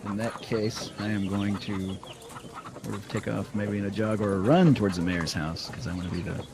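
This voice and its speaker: A man's voice: on the low side, normal speed. A man playing in a tabletop game, thinking aloud as he plots his moves, over a noisy recording. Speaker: player. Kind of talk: casual tabletop game talk. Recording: noisy home podcast recording.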